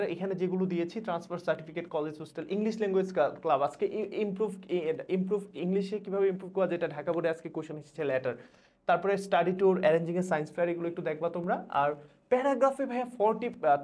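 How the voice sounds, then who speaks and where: A young man from Bangladesh, an English teacher giving rapid exam advice to students, repeating instructions urgently. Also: high-pitched, a little mellow. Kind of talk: exam suggestion lesson.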